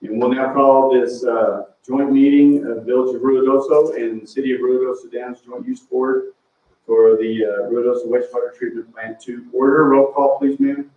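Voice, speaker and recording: A man chairing a public board meeting, a bit out of breath, relaxed and halting with fillers. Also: medium pitch. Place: council meeting room. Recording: distant, roomy, tinny phone-like audio.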